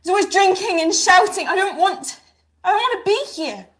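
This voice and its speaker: A woman's voice: very high voice, animated, moderate pace. An actress playing a defiant fourteen-year-old girl arguing back with her father. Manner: defensive, indignant.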